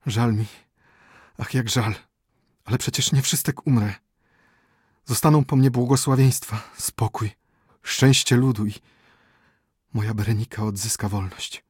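A man's voice: mid-range voice, unhurried, long pauses, breathy edge, no echo, studio quality. A man voicing a young dying prince who asks urgent, pleading questions in an audiobook. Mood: wistful. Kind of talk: audiobook character voice.

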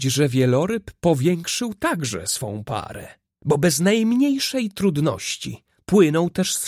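Man narrating an audiobook, husky, lively pitch, dry close sound, expressive. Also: no room sound. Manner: steady, expressive storytelling. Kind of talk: audiobook narration of a classic novel.

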